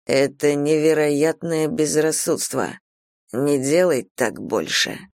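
A haughty male god from a fantasy audiobook, as a woman reads him, lowering the voice into slow, deliberate, scornful lines. The delivery is close and dry, with no room around it. He teases rather than shouts. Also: no echo. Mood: stern. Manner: slow, low, mocking. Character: stern, teasing, arrogant male god. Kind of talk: audiobook character voice.

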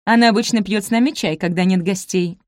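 A woman's voice: medium pitch, quick pace, no room sound, clean studio sound, lightly acted. A woman reading the part of a blunt young noble girl who speaks curtly. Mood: matter-of-fact. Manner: curt.

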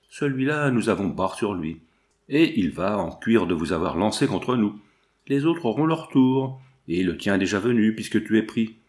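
A man's voice: lowish voice, natural voice. A man reading the part of a mocking, gloating old male villain in disguise in an audiobook.

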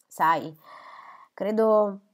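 A woman voicing a gentle, earnest young woman in a storybook reading, soft and coaxing. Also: medium pitch, extremely slow.

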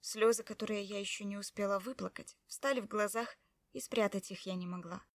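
A woman reads a first-person story aloud in an emotional, expressive manner. Her voice sits in a middle range for a woman. The sound is close and dry, with no room around it. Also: medium pitch, a little fast, no room sound, far from the mic. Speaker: audiobook narrator. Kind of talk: first-person audiobook narration.

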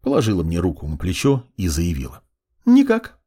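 A man narrating a first-person fantasy audiobook in an ironic, expressive way. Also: mid-range voice, normal speed, slightly rough.

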